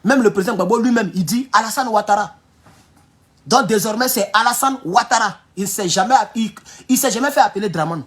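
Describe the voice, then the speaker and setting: A man with an Ivorian French accent talking casually on a livestream, reading viewer comments with mocking asides and laughter, dropping to low mutters and then flaring up loudly. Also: fairly quick. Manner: animated, laughs often, mocking asides, swings from low mutters to loud outbursts. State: sore back. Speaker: online political commentator.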